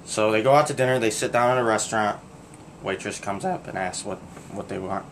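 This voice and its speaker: A man co-hosting a podcast, telling crude jokes deadpan and then explaining the punchlines. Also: lowish voice, brisk, slight background noise. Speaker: podcast co-host. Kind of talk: casual crude banter.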